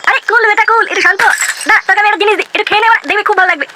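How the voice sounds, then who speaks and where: A man's voice: very high-pitched, steady tone, rapid-fire, background noise. A man voicing the characters in a crude comic cartoon, slangy and swearing constantly. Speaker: cartoon narrator and voice of several characters.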